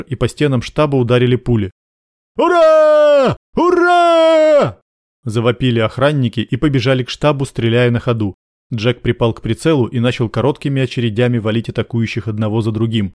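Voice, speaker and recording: A man reading an action novel aloud in a measured, even audiobook narration. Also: medium pitch, no echo, clean studio sound. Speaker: audiobook reader.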